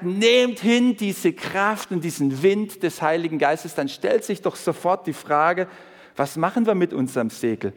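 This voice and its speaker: A man with a high voice delivers a sermon, pressing his points with raised and hushed tones. He slows down to lean on quoted scripture. His voice rings out in a church hall with a long echo tail. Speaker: preacher.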